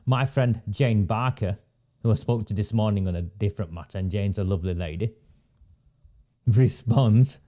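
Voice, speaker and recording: An Oldham man, a local campaigner and commentator, delivers political commentary in a fairly low, warm voice at a moderate pace. He goes through his arguments step by step, restating them, asking rhetorical questions and adding wry sarcasm.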